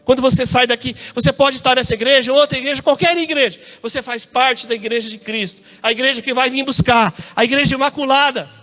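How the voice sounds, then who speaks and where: A man's voice: very high-pitched, fairly even intonation, fast talker, hardly any pauses, bright, forceful tone, faint music behind. A man preaching a sermon in a church with a Brazilian Portuguese accent, calling the congregation brothers and telling stories from his own life. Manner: addresses congregation as brothers, tells personal anecdotes.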